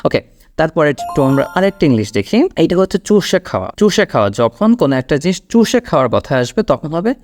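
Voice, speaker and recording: A man gives an online English lesson with a slightly raised voice. He explains each point patiently and says new words over and over, slowly. His voice is close and dry, with no room sound. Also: a little high, big pitch swings, darkish tone, no echo, faint music behind. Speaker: English teacher.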